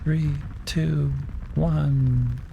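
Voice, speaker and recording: A man's voice: a little high, steady tone, very slow, gravelly, dark tone, muffled recording, slight background noise. A man from the United States chatting casually to viewers while building in a game, musing aloud as he works. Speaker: streamer.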